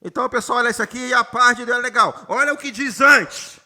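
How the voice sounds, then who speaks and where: Brazilian male pastor mid-sermon; high, very bright voice, slow emphatic scripture reading, keeps checking in with the congregation. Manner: preaches with rising emphasis, addresses the congregation often; reads scripture slowly and has the congregation repeat words. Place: church retreat gathering.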